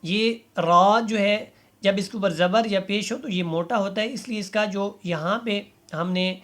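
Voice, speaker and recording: In this recitation lesson, a man whose voice sits high and a bit bright stretches out every letter slowly before explaining how it's pronounced. He keeps a patient teaching tone and has his learners echo him.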